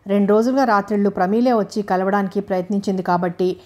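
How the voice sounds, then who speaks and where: A woman narrator gives voice to a desperate young man in a storybook reading, hesitant and pleading as he begs to be heard. The pitch stays in a middle range, close to her own. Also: flat delivery, quick pace, darkish tone, lightly acted.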